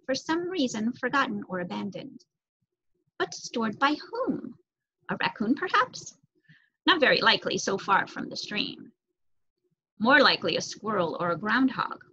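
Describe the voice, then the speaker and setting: A woman's voice: fairly high pitch, a little hiss or hum. Young woman reading a storybook aloud. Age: young adult. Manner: expressive, with varied emphasis. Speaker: reader. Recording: dull lo-fi recording.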